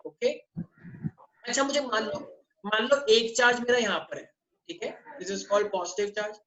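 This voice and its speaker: Over muffled online audio with faint noise, a male physics teacher delivers a class lecture through his online class microphone, switching between Hindi and English and continually questioning students. His voice sits high and is a bit bright.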